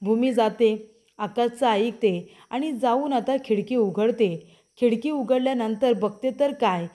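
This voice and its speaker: A woman's voice: fairly high pitch, measured pace, mellow. A woman retelling a TV serial episode to her viewers, speaking to the audience directly in a dramatic way.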